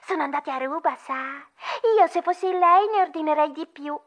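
A very high, squeaky female mouse saleswoman, as a male narrator puts her on, all wheedling, confiding sales talk. She pushes and flatters to make the sale. It sounds like a children's storybook audiobook. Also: moderate pace. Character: pushy chatty female mouse saleswoman on the phone.

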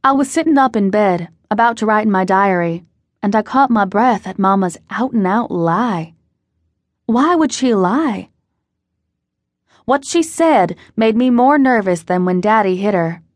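A woman reading a novel aloud in steady, measured first-person narration, recorded on a close studio mic. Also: mid-range voice, no echo. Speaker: audiobook narrator.

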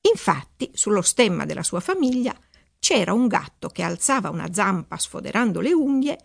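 A woman narrating her own children's audiobook in a playful, expressive way. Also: medium pitch, normal speed, vocal fry. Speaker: author reading her own book.

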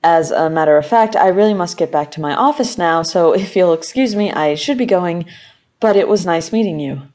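Guarded young office worker, read by a woman, low warm tone, polite but defensive. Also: lively intonation, normal speed, close to an everyday voice.

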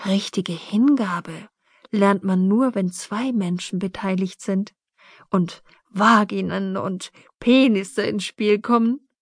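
A woman's voice: medium pitch, slow pace, no room sound, studio quality. A woman voicing a frank, free-spirited mother who talks about intimacy in a breezy, matter-of-fact way, read in an audiobook.

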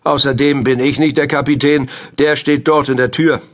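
A man's voice: mid-range voice, steady tone, normal speed, lightly acted. A man voicing a hearty, teasing old great-grandfather with a seafaring manner in a children's audiobook. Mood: jovial. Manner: hearty, teasing; drops to a whisper for asides. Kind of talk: audiobook character voice.

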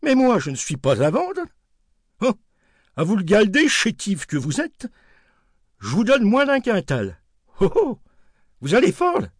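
A man's voice: sits high, wildly swooping pitch, unhurried, pauses often, breathy edge, no room sound, studio quality, voice pushed up, exaggerated voice. A man doing a teasing market fruit buyer. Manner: bantering, playful. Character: jovial male wholesale fruit buyer, teasing.

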